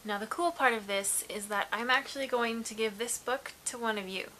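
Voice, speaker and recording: A chatty woman reviews books in a casual vlog, upbeat and eager. Her voice is bright and clear, with a faint hiss behind it. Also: fairly high pitch, fairly quick, poor audio. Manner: chatty and upbeat, with frequent "really". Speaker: book vlogger. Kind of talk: casual book review and giveaway.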